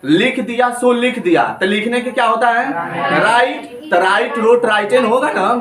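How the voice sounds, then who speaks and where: A man's voice: very high voice, unhurried, roomy sound, recorded from a distance, crowd noise. A man teaching spoken English, drilling each point with repeated questions and answers in a classroom style. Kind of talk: classroom grammar lesson.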